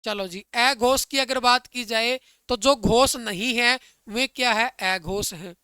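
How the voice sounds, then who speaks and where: A man leads an online exam-prep grammar lesson in a bright, crisp voice that sits high for a man. He calls his listeners brother and dear friends and keeps asking whether everything is clear. The sound is dry, with no room echo. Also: slow pace. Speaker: Hindi grammar teacher.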